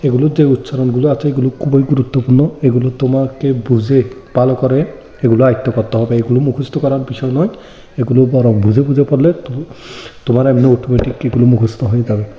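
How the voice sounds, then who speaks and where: A man's voice: medium pitch, steady tone, fast talker, dark tone. Guy teacher going step by step thru a lesson, roomy echoey sound. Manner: explains step by step, asks and answers own questions. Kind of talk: online exam-prep lesson. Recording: echoey room with long reverb.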